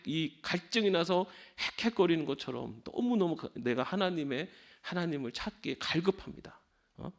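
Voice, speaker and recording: Male pastor, midweek sermon, slightly high, very lively pitch, animated delivery with fillers. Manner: animated, many fillers and restarts, asks the congregation.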